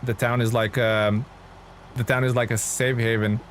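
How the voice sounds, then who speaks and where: Over clear truck and engine noise from the game, this Lithuanian streamer gives casual, friendly commentary as he thinks aloud. He speaks at a moderate pace in a medium-pitched, fairly bright voice that stays mostly level.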